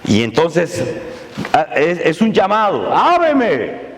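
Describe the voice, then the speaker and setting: A man's voice: sits high, expressive, unhurried, slight background noise. A man preaching a sermon as pastor, often asking the congregation rhetorical questions. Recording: long reverb of a church hall.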